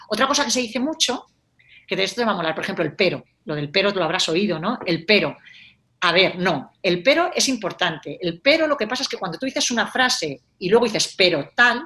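A woman, a life coach explaining ideas in a casual conversational way and acting out example phrases. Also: mid-range voice. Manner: animated, acts out example phrases.

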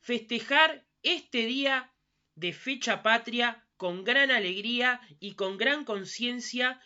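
A Uruguayan woman gives a patriotic civic speech in a bright, forceful, fairly high voice. She sometimes halts mid-phrase to find her words. The recording is a little dull and muffled. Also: slow. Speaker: speaker at a commemorative civic ceremony.

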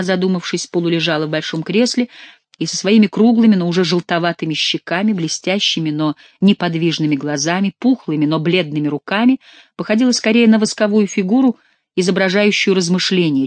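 Expressive audiobook narrator, dry sound. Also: mid-range voice, a little fast, dry recording. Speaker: audiobook reader. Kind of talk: scripted narration.

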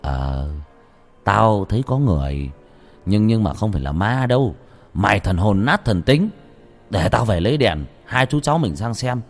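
A man voicing a blunt, grumpy older village man who curses and scoffs, with a lively, lowish voice. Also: normal speed, soft background music. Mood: scoffing. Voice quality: gruff, cursing, mocking.

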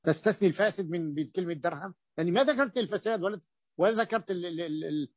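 A man with a high voice teaches a grammar lesson as a sheikh, talking very fast, explaining and quizzing his students with many restarts. The recording is dull, lo-fi and dry, with no echo.

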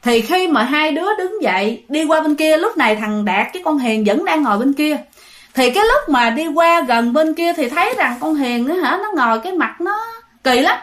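A woman's voice: high-pitched, expressive, moderate pace, a bit bright. A woman narrating a ghost story chattily, speaking straight to her listeners. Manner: chatty, addresses listeners directly.

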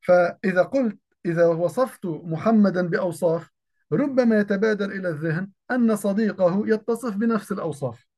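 High-pitched guy teaching grammar, asks questions then answers them, drags out the examples. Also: a little mellow. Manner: repeats key phrases slowly and asks the class questions; dialect words mixed into formal Arabic. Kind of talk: recorded grammar lesson.

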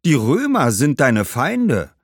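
A man voicing the boastful ghost of an old warrior ancestor, speaking slowly and indignantly in a storybook. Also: wildly swooping pitch, no room sound, clean studio sound, full character voice. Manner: slow, booming and indignant.

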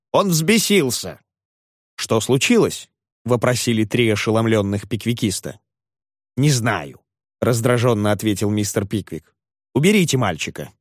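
A man's voice: mid-range voice, darkish tone, no echo. Man narrating a classic novel, dry. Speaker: audiobook narrator. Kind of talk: scripted audiobook narration.

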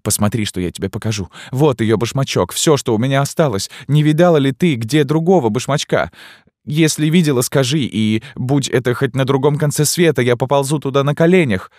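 A man voicing a raving, grieving middle-aged recluse mother in an audiobook, slow and bitter. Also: fairly low pitch, big pitch swings, vocal fry, no room sound, studio quality, voice pushed up, exaggerated voice. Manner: slow, bitter and frantic by turns. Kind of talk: audiobook character voice.

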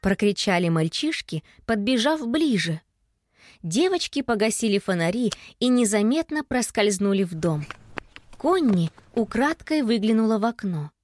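A woman narrating a children's storybook aloud in an expressive, lively storytelling manner. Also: mid-range voice, moderate pace, no echo. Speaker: audiobook narrator.

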